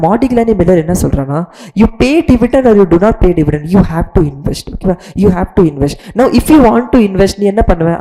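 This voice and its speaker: A woman's voice: medium pitch, dark tone, rough recording. A woman with a South Indian Tamil accent teaching finance in a lecture, switching between English and Tamil, with an emphatic, repetitive manner that keeps checking understanding.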